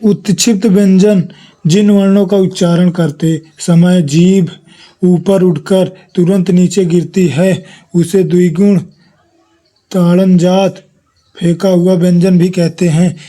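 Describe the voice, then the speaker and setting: Guy going over exam notes, talks slow, kinda high and really dark sounding. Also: flat delivery. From India. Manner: reads notes aloud, listing letters one by one. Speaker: teacher. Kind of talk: exam revision lesson.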